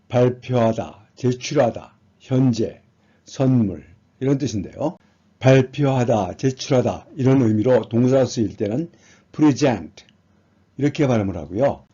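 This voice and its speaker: A man's voice: mid-range voice, warm tone, breathy edge. A man teaching an exam prep lesson, patiently reading words and explaining them one by one. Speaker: English teacher. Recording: dull lo-fi sound.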